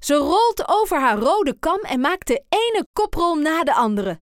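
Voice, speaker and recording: A woman reading a children's picture book aloud in an expressive, deliberate way. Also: high-pitched, no room sound, clean studio sound. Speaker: storyteller.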